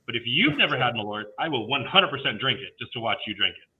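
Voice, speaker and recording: A man's voice: mid-range voice, big pitch swings, quick pace. Laughing man on a tinny call line. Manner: laughing, storytelling, playful. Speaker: guest, tiki designer. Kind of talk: casual video-call chat. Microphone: video call.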